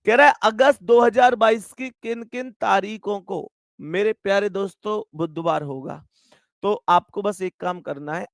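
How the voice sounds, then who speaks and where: A man's voice: high-pitched, gravelly, no echo, studio quality. A man teaching an exam-prep class online, chatty and affectionate, often calling his students his dear friends. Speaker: maths and reasoning teacher.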